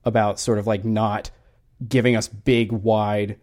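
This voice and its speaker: A man with a fairly low voice chats about a film in a casual podcast. He speaks in a measured way, hedging and filling pauses as he builds his point. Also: flat delivery, darkish tone. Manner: measured, hedging, many fillers.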